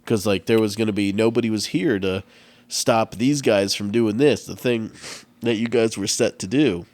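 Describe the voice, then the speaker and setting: A man's voice: on the low side, normal speed, darkish tone. A man with a stuffed-up nose, chatting casually as a game master and rambling through restarts and fillers. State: congested, stuffed up. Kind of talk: casual podcast chat.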